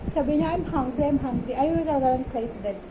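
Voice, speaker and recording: A woman's voice: sits high, a little fast. A young Filipino mother chatting casually to her viewers in a home vlog, talking about her baby and snacks. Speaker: vlogger and mother. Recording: noisy home phone recording.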